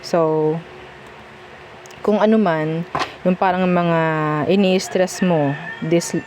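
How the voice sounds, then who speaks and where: A woman's voice: fairly low pitch, fairly even intonation, takes it slowly, noisy background. A woman with a Filipino accent giving a casual tarot reading, chatty and reassuring, often checking in with "okay?". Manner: chatty, reassuring, mixes Tagalog and English, frequent "okay?". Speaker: tarot reader.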